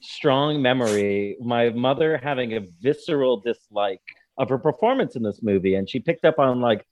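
A man's voice: medium pitch, lively intonation, normal speed, no room sound. A chatty man talking casually as a podcast host about films, laughing often as he tells stories. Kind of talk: casual film discussion chat. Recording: dry, slightly dull sound.

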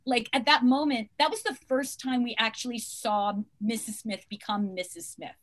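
A woman, an actress guest, telling anecdotes in an excitable, rambling way and laughing often. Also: on the high side, moderate pace.

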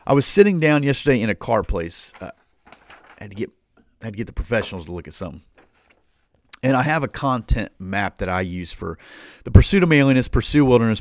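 A man's voice: lowish voice, dry recording, clean studio sound. A man hosting a podcast, teaching a Bible passage in an informal, conversational way, often repeating himself and acting out the people he quotes. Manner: conversational, repeats phrases, acts out quoted dialogue.

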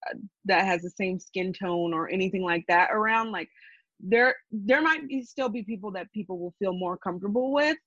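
A woman's voice: mid-range voice, moderate pace, a bit bright, dry recording. A woman, a child life specialist, speaking over a phone line in casual conversation, earnest and thoughtful with frequent fillers and restarts.

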